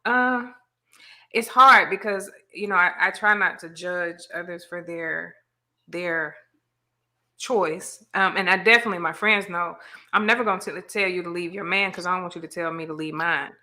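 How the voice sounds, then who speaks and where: A woman's voice: lowish voice, moderate pace, bright, forceful tone. A woman in a casual talk show, sharing her views in a thoughtful, supportive way. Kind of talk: casual chat.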